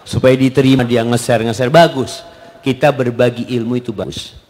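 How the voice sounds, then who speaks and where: A man with a medium-pitched voice, speaking at normal speed, preaches in an Islamic Q&A lecture. He's lively, jokes with the audience, and acts out exchanges between husbands and wives.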